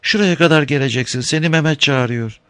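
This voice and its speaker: A man's voice: fairly high pitch, brisk, a bit bright, no echo, voice pushed up, natural voice. A man voicing a worn-out old woman who pleads as a messenger in a read-aloud story. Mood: pleading.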